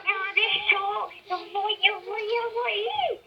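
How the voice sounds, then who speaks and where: A woman, heard over a speakerphone, who talks excitedly and repeats herself eagerly. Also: very high-pitched, slow pace, over music. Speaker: prank call target. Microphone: home phone on speaker. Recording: muffled speakerphone with background chatter.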